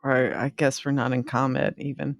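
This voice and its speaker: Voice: mid-range voice, flat delivery, moderate pace, gravelly. A player in a tabletop game talking casually, with hesitant and polite phrasing.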